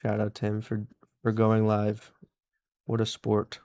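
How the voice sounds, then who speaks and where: Here a man's voice runs on the low side, darkish in tone, measured in pace and completely flat in delivery. He's casually live-streaming a repair job, soldering while he chats, laughs a lot, and thanks and welcomes his viewers.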